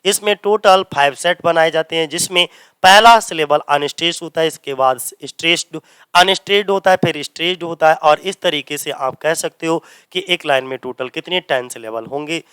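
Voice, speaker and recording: A man teaching English literature for exams in mixed with English, asking his students questions and answering them himself, and reading English lines slowly before explaining them. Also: a little high, a bit bright, clear, resonant tone, no echo. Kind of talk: exam-prep lecture in Hindi mixed with English. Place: coaching centre classroom.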